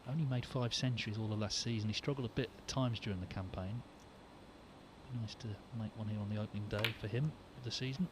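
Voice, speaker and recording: A man giving measured, understated snooker commentary in a hushed voice. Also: fairly low pitch, noisy background.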